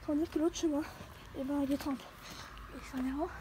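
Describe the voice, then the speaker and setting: A woman with a slightly hoarse voice, chatting in a rambling, slangy way while vlogging at home. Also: sits high, steady tone, normal speed. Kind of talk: casual vlog chat. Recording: roomy and noisy home recording.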